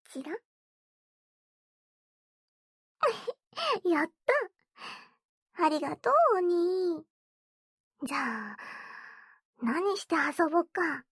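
In a whispered role-play, a woman plays a mocking, coy young stepsister, her high, fairly bright voice drawling taunts slowly and playfully. She's giggly and coaxing, heavily acted, and the recording is close and dry with no echo or room sound.

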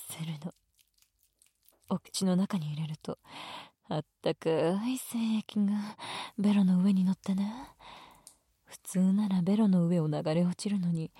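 A woman voicing a teasing, domineering female teacher in a whispered roleplay, speaking in a soft, breathy, bossy way. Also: mid-range voice, dry recording, clean studio sound. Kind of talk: erotic ASMR roleplay.

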